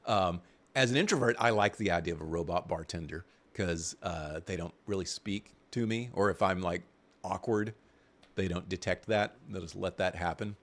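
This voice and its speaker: A man co-hosting a crypto news stream in a casual, rambling and self-deprecating way, with lots of fillers. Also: fairly low pitch. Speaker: co-host of a crypto news show. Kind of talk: casual livestream chat.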